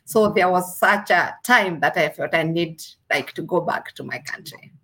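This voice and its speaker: A Kenyan woman with a Kenyan accent, a registered nurse, answers interview questions earnestly and pauses in a measured way. Her voice sits on the low side and has a sharp tone.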